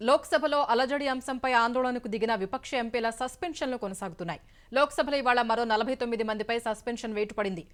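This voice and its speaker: A woman news anchor reading the bulletin in a brisk, formal newsreader manner. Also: on the high side.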